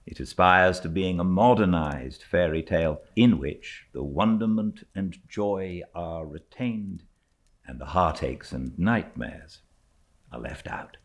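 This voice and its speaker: A man reading a children's story aloud as fireside storytelling, with a deliberate, expressive delivery. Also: low-pitched. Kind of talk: fireside storytelling, scripted narration.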